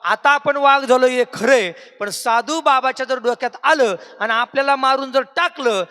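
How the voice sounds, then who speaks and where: Preacher putting on a greedy tiger who plots against his maker. High, bright, echoing hall. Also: normal speed. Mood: scheming. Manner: boastful, threatening. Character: scheming hungry male tiger, once a mouse. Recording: echoey hall reverb.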